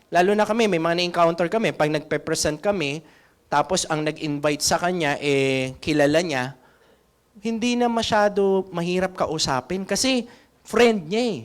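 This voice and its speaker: A man giving a seminar talk as a sales trainer, coaching and keeps asking the audience questions. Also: high-pitched.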